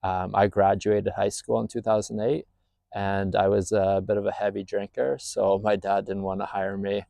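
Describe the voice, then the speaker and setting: Speaking casually to camera, this Northern Irish business owner in his thirties recounts his story in plain words, leaning on plenty of fillers. His pitch sits fairly low and level at a normal pace, and the voice is gravelly and warm, recorded without echo.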